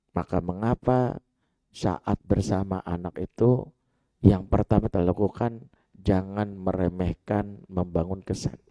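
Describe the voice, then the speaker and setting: A man's voice: sits low, no room sound. A man giving a parenting sermon at a mosque, telling stories animatedly and acting out the people in them, often addressing the men listening. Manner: animated storytelling, acts out quoted voices, addresses audience as Pak. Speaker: preacher. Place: mosque hall.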